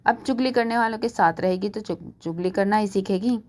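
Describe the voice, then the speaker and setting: A woman's voice: mid-range voice, brisk, a little mellow, close to an everyday voice. A woman voicing a playful middle-aged male doctor who jokes his way through being scolded by his wife, in a told storybook. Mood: teasing. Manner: joking, easygoing.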